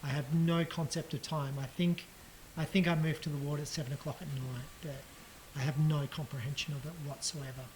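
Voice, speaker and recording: A man giving a casual personal account of his hospital stay, halting and reflective, with frequent ums and restarts. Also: on the high side, fairly even intonation, a little mellow, slight background noise, rough recording. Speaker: patient recounting his surgery.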